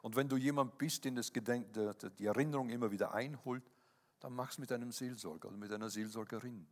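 A man's voice: medium pitch, fast talker. Earnest male preacher in a reverberant hall. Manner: earnest, often adds a questioning "ja?" to address listeners. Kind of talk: sermon.

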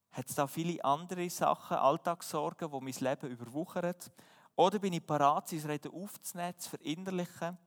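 A man's voice: a little high, big-room sound. A man preaching a sermon, earnest and emphatic, often asking rhetorical questions.

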